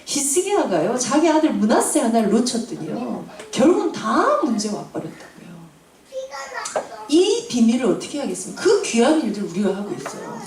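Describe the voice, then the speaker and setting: A woman in her forties preaching to mothers, acting out family scenes in an animated way. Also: fairly high pitch, normal speed. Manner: animated, acts out family scenes with audience laughter. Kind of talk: sermon. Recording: roomy hall from a distance.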